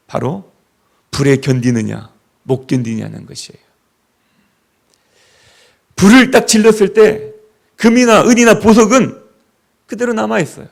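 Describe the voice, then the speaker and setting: Gravelly-voiced pastor preaching a sermon. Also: male voice, fairly high pitch. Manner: rhetorical questions to the congregation, swinging between loud emphasis and quiet asides.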